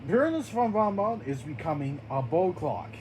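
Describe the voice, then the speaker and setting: An amateur storyteller improvising a story, halting often, restarting lines and spelling out names. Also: mid-range voice, sing-song, darkish tone, slight background noise, low-quality recording.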